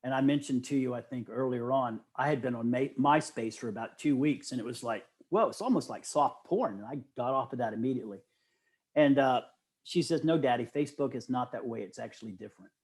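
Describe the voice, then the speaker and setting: As an interview guest, a middle-aged man tells stories in a relaxed, enthusiastic, animated way, with a medium-pitched voice and a brisk pace.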